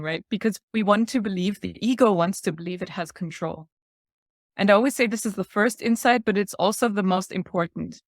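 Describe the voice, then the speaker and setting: Recorded dry with clean studio sound, this medium-pitched woman is a podcast guest in her forties who grew up in Thailand. She explains ideas earnestly in reflective talk, laughing lightly between points.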